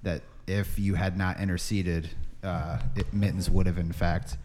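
A man narrating an improvised tabletop game as game master, setting scenes in a deliberate, pausing way. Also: sits low, little pitch movement, a little mellow.

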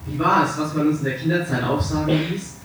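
A man's voice: mid-range voice, fairly even intonation, brisk, a little hiss or hum, lightly acted. A man reading as an imploring old painter. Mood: pleading. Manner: urgent, imploring. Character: elderly male painter, pleading and devout. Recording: echoey hall from far off.

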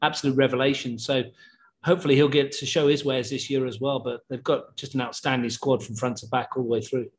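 A man, talking through the football season as a pundit in a casual podcast chat, measured and analytical. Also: medium pitch, fairly even intonation.

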